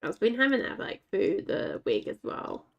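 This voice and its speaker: On lo-fi sound, a game streamer with a mid-range, creaky, naturally scratchy voice talks at normal speed, her pitch swooping wildly. She rambles chattily through casual gameplay commentary, speaking to herself and the game's pet dogs.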